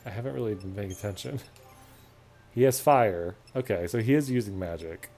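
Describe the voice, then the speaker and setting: A man's voice: fairly low pitch, moderate pace, dark tone, faint music behind. A man streaming a video game, chatting and joking as he thinks aloud. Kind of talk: casual gameplay commentary.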